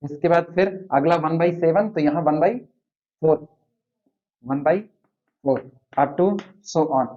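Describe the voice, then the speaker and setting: At the board, a male math lecturer quizzes his students and counts slowly through terms. His voice leans high and the audio sounds dull.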